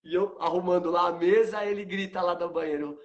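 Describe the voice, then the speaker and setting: A man's voice: sits high, fairly even intonation, fairly quick, muffled recording. A Brazilian man in his fifties with a Brazilian Portuguese accent, hosting a live stream and telling stories animatedly, acting out the dialogue with frequent tag questions. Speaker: host, aikido teacher.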